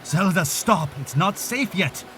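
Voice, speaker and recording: Guy playing a determined fish prince, pretty high voice, urgent and protective, audio drama w some music under. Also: expressive, unhurried, fairly bright tone. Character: resolute, protective male aquatic fish-folk prince. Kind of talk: cinematic audio drama acting.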